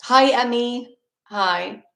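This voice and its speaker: A woman's voice: fairly high pitch, slow pace, gravelly, a bit bright, roomy sound. A young woman from Sweden with a Swedish accent, chatting casually on a live stream as she answers viewer questions and laughs often.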